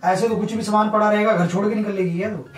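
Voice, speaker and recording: Husband talking fast, trying to calm the wife down, echoey room, mic kinda far. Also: male voice, sits high, loud music behind the voice. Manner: pleading, placating. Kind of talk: defensive argument. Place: home bedroom.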